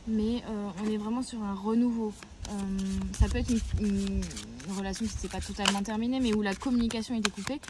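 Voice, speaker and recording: Woman card reader, outdoors; gentle, halting delivery, audible noise and clicks on the track. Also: mid-range voice, steady tone. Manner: hesitant, often searching for words. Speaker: tarot and oracle card reader. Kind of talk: weekly card-reading guidance. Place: outdoors, near a tree.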